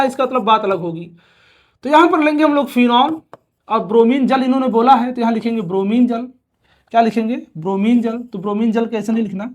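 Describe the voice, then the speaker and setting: A male chemistry teacher giving an exam-prep lecture who asks questions aloud, answers them himself, repeats key terms and keeps urging students to pay attention. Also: extremely high pitch. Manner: repeats key terms several times over.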